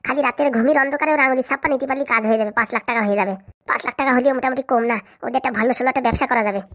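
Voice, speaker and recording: Woman doing a sly sweet-talking cartoon sister, high voice. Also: fairly even intonation, very fast, a bit bright. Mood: conspiratorial. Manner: coaxing, conspiratorial. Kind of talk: cartoon voice acting.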